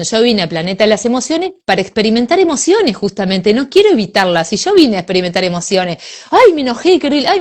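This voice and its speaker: A woman with a Rioplatense Spanish accent in a casual spiritual conversation, animated and acting out inner voices with sighs. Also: on the high side.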